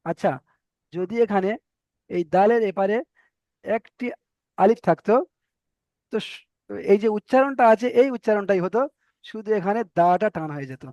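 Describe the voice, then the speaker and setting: A man with a high voice leads an online Quran reading class, patiently spelling out Arabic letters and drawing them out slowly. His voice sounds dry and close, with a dull, lo-fi quality from the call. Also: a little mellow, no echo.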